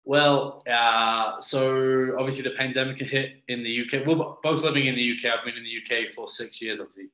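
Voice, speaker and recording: A man with a New Zealand accent talks casually in an interview. His voice is bright and sharp with a clearly echoey room around it. He rambles, repeating phrases as he thinks. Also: mid-range voice, fairly even intonation, a little fast, hardly any pauses. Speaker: interview guest, professional wrestler.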